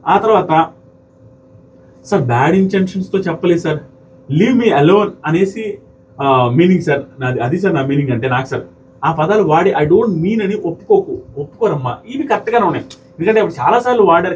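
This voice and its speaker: A man's voice: high-pitched, far from the mic, a little hiss or hum, rough recording. A man giving heated, argumentative commentary on a reality show episode and acting out the people he quotes. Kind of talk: fast opinionated commentary to viewers.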